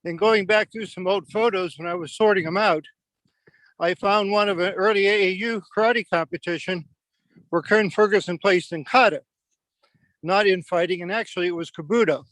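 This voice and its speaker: High-voiced man speaking through a group call. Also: fairly bright tone, no echo, low-quality recording. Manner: sincere, measured, slightly halting. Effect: remote voice heard through a group call. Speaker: senior martial arts master giving a tribute. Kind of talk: remote speech in a group video call. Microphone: own computer mic on a call.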